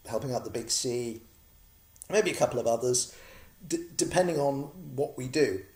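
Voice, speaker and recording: An Englishman from Norwich gives backers of his comic project a casual, rambling update full of ums and restarts. His voice is medium-pitched and a little mellow, recorded with a roomy sound.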